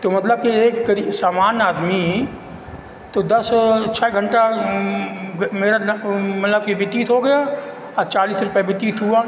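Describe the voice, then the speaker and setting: A man talks in a rambling, halting way, often repeating himself. His delivery is an informal complaint from an ordinary citizen. The recording rings with long room reverb and carries faint noise. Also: high-pitched, steady tone. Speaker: local citizen giving his account. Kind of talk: informal spoken monologue of complaint and appeal.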